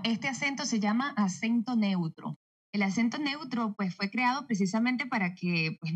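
A woman voice actress explaining her craft in an interview, measured and illustrating with spoken examples. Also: medium pitch, muffled recording. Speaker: voice actress guest. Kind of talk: interview answers.

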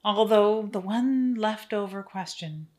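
A woman's voice: medium pitch, slow pace, darkish tone. A woman improvising a comic horror story in a rambling, wry way, with fillers and asides.

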